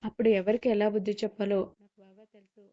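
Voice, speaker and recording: A woman voicing a short-tempered middle-aged father-in-law who scolds and shouts, on a slightly muffled recording. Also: mid-range voice, little pitch movement, fast talker, natural voice. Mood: irritated.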